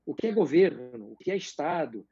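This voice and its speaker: A man explaining political ideas as a guest in a live interview, measured and hesitant, with many fillers. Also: on the high side, animated, vocal fry, mellow, slightly rough, no echo, dull audio.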